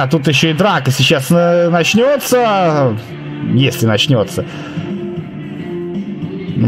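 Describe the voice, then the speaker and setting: A man calls live ice hockey play-by-play, excitably, rising to shouts at the big chances. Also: medium pitch, low-quality recording. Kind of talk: live play-by-play sports commentary.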